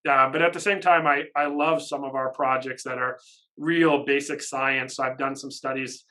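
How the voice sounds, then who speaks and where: A man in his thirties, a professor answering questions informally, with an excited, caffeinated manner that comes in emphatic bursts. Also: medium pitch, normal speed. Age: 30s. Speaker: university professor and research lab head. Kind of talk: informal Q&A talk about research. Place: small office, indoors.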